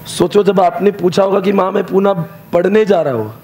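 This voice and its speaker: Brief: young male teacher, light mellow voice, storytelling motivational talk with a faint hum of room behind. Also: sits high, normal speed. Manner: storytelling, mixes Hindi with English phrases. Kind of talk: emotional motivational speech.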